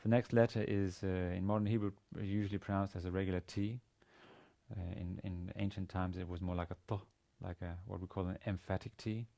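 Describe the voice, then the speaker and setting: Against a plain grey studio backdrop, a man from Denmark in his forties gives an instructional language lecture in a Danish accent. His voice is very low and dark, creaky with vocal fry, and level in tone. He hesitates a lot and doubles back on little words.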